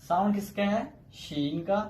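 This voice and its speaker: A man teaching a recorded language lecture, slowly drilling single sounds and repeating and explaining each one. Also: high-pitched, a little mellow, slight background noise. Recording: echoey room.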